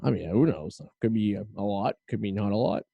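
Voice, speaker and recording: A man's voice: lowish voice, animated, brisk, creaky, no echo, muffled recording. A man hosting a show, bantering and interviewing a guest in a casual, conversational style. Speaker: podcast host.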